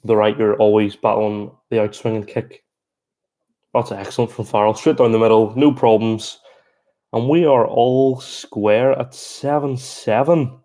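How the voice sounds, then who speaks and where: A man giving chatty, excitable live reaction commentary on a rugby match, breaking into exclamations. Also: fairly low pitch. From Ireland. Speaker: sports reaction streamer.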